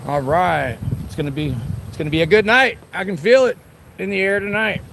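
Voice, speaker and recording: A man's voice: high voice, a little fast, gravelly, fairly bright tone. A man live-streaming outdoors at a police station, arguing in a taunting, scolding way. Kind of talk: confrontational live-stream argument. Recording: noisy outdoor recording, vehicle sounds.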